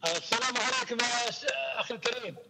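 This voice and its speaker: A man's voice: very high-pitched, fast talker, heavy background noise. A man from Saudi Arabia calling into a show, repeating his greeting over a faint, garbled phone line. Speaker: caller. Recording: distant, muffled phone call.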